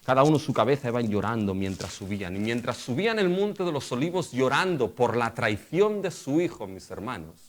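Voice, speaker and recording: A man's voice: mid-range voice, very animated, brisk, hardly any pauses. A middle-aged male pastor delivering a sermon. He keeps asking the congregation rhetorical questions and addressing them as brothers.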